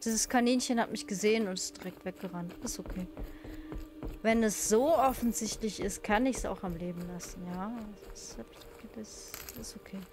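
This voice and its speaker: A woman's voice: mid-range voice, moderate pace. A woman casually commenting on her gameplay, chatty and joking with viewers. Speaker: let's play streamer.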